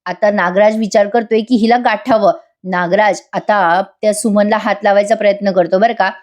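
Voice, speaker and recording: A woman's voice: medium pitch, steady tone, normal speed, darkish tone. A woman narrating a voice-over recap of a TV serial, chatty and addressing viewers directly. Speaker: TV serial reviewer.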